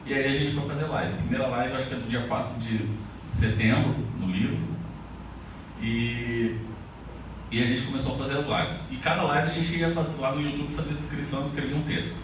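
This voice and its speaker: At a book launch held indoors, an author from Paraná, Brazil, gives a loose, conversational speech to a live audience, often stopping and restarting his sentences. His medium-pitched voice is fairly even and a little fast, and it sounds heavily echoey and distant from the mic, with clear room ambience and a noisy background.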